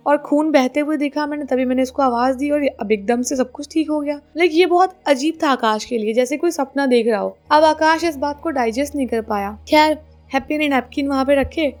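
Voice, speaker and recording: A woman's voice: high voice, fairly quick, hardly any pauses, soft background music. A woman narrating a spooky story in a conversational way, mixing English words into her telling.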